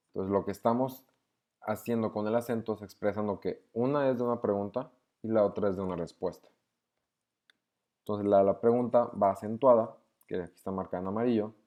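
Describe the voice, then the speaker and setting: Calm man explaining step by step. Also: fairly low pitch. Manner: patient, step-by-step explaining, reads exercise sentences aloud. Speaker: teacher explaining exercises. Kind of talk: screen-recorded lesson walkthrough.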